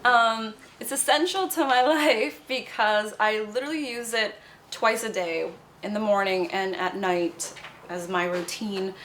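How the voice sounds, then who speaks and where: A woman's voice: mid-range voice, unhurried, fairly bright tone, a little hiss or hum. Chatty young woman founder, bubbly. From Nepal. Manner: bubbly, chatty, fond of fillers like "you know". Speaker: cosmetics brand founder. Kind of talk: casual interview answers.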